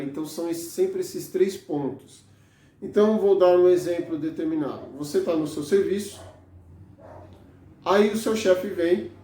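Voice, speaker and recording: A man's voice: a little high, dark tone, slight background noise. A man, a therapist talking casually to camera, explaining step by step with frequent tag questions. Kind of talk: educational talk to camera. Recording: echoey room.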